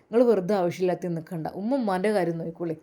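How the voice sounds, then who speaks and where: A woman's voice: fairly low pitch, rapid-fire, dark tone, voice pushed down, natural voice. A woman voicing a firm, protective young man from Malappuram who talks in a stern, insistent way. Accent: Malappuram Malayalam.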